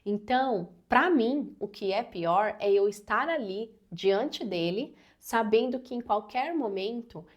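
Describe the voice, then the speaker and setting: A woman's voice: medium pitch, lively intonation, slow, hardly any pauses. Earnest woman giving parenting advice. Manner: earnest, personal, uses many sabe and né fillers. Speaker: parenting educator. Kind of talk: advice talk to camera.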